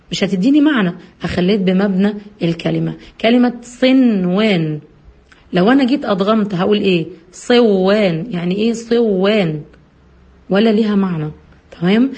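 Husky Egyptian woman teaching Quran recitation. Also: a little mellow. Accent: Egyptian Arabic. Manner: asks and answers own questions, many fillers. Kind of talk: explanatory lesson, addresses listeners directly. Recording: husky low-bitrate radio-quality audio.

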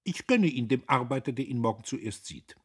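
A man's voice: mid-range voice, expressive, normal speed, husky, voice pushed up. A man putting on a teasing young woman. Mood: coy teasing. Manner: coy, teasing, playful. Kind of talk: audiobook character voice.

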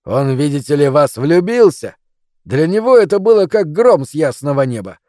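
A brash con man taunts and gloats in a raised, mellow voice, as a male audiobook reader puts him on. The recording is close and dry. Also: fairly high pitch, very animated, normal speed, no room sound. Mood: mocking, gloating. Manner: mocking, loud, gloating.

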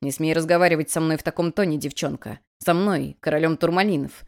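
A woman voicing a proud, quick-tempered male werewolf king in an audiobook, using a lowered, gruff growling tone. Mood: haughty.

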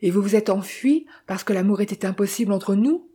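A woman reading the part of a proud gentleman thief in love, speaking in an earnest, insistent way. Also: mid-range voice, brisk, slightly rough, natural voice.

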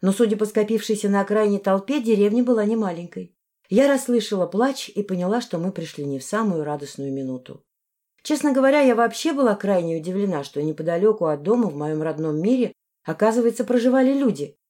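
A woman narrating a fantasy novel in the first person with expressive phrasing. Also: mid-range voice, fast. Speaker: audiobook narrator.

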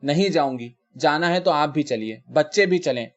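A distraught middle-aged wife pleads and cries out against being sent from her home, as a man reads her lines in a story. The voice sits a little high, and the reading has a dull, lo-fi sound. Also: lively intonation, lightly acted. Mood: hysterical. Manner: pleading, hysterical outbursts.

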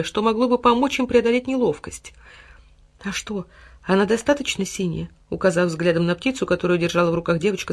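A woman narrating a fairy tale audiobook in an even storytelling voice. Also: mid-range voice.

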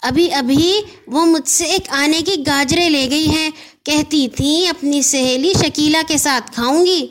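A woman's voice: high-pitched, pitched above the performer's own voice, natural voice. A woman voicing a friendly, slightly forgetful shopkeeper man in a children's audio story.

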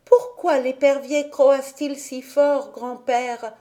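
Une femme jouant une petite fille curieuse et enjouée. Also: female voice, sits high, fairly even intonation, takes it slowly, dark tone, pitched above the performer's own voice. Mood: eager, curious. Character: eager, curious little mountain girl.

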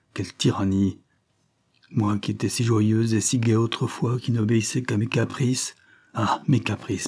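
A defiant young woman prisoner bursts out in heated, emphatic lines, as a male audiobook reader puts her on. The voice is pitched up and loud in her anger, while keeping the reader's mellow, slightly husky tone. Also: lightly acted. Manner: emphatic, impassioned outbursts.

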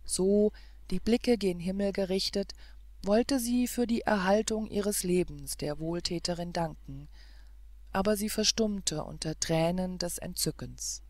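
Woman, audiobook narrator, fairy tale, calm and measured, very slow, dry close sound. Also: medium pitch, no echo.

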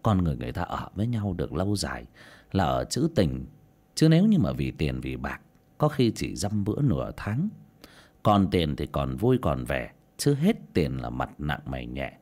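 A man narrating a folk tale with an expressive, dramatic storytelling delivery. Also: very deep voice, normal speed.

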